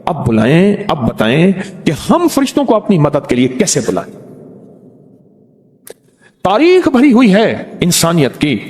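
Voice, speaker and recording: A man preaching a storytelling sermon, animated and repeating phrases for emphasis. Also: on the high side. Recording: long reverb.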